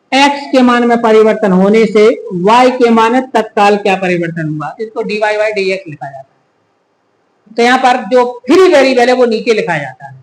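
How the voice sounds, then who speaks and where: A man's voice: very high-pitched, slight background noise. A male physics teacher giving a classroom lecture, who keeps asking the class rhetorical questions and repeating key terms. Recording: echoey room.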